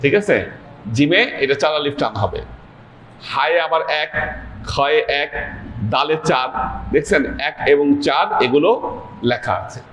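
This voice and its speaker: A man's voice: fairly high pitch, fairly bright tone. Patient man teaching pronunciation, echoey room. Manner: patient, repeats letter sounds slowly for students. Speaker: Sufi teacher leading a weekly class. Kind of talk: Quran pronunciation lesson. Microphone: livestream camera mic. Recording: echoey room with faint noise.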